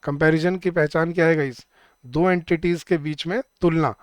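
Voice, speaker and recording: A man's voice: fairly high pitch, fairly even intonation, dry recording, clean studio sound. A man teaching an online exam-prep grammar class, switching between Hindi and English and answering his own questions as he addresses the class as guys. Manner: mixes Hindi with English terms and sentences; slows down when he reads out the example sentences.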